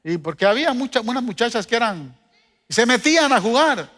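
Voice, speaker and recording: A middle-aged man preaches as a pastor, his high voice ringing bright and forceful. He tells personal stories with a joking touch to his congregation, and a long reverb hangs after his words in the church hall. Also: big pitch swings, a little fast. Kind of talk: sermon.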